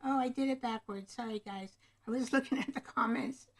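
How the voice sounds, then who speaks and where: Talking a little fast in a fairly high voice, a woman runs a casual craft livestream. Her chat is rambling and friendly, and she regularly speaks to viewers by name. She is recorded through a camera mic.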